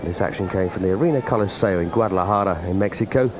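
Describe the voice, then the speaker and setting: A man's voice: low voice, fast. A man giving conversational boxing commentary. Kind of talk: conversational television fight commentary. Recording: clear background arena noise.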